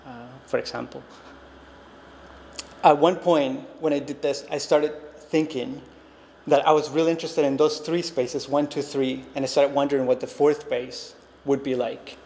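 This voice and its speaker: This visiting artist, a Costa Rican man in his thirties whose first language is Spanish, speaks in a mid-range, slightly mellow voice with vocal fry. His talk is thoughtful and hesitant, peppered with ums and restarts. The gallery space gives the recording a long reverb and faint noise.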